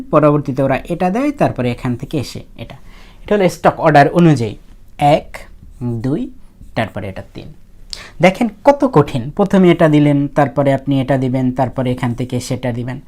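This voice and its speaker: Low-voiced woman teaching handwriting. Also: a little mellow. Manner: casual and conversational, thinks aloud with fillers. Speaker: language teacher. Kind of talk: explaining how to write characters.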